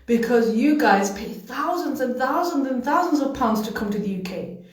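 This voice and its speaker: British-born woman, study agent, earnest livestream talk, slightly high voice, very echoey room, mic well away. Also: expressive, normal speed, recorded from a distance. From United Kingdom. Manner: earnest, emotional, repeats phrases for emphasis. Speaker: study-abroad education agent. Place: home room.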